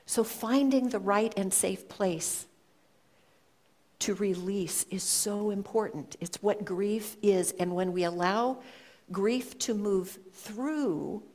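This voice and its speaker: A woman giving a reflective storytelling talk to an audience, speaking in an earnest, measured way with pauses. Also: medium pitch, a little mellow. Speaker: speaker sharing a personal story.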